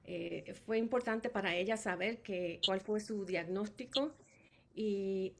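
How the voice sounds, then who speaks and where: A middle-aged Puerto Rican woman speaks slowly in a gravelly, mid-range voice with a Puerto Rican Spanish accent. As a family caregiver, she gives a personal testimony full of fillers and restarts.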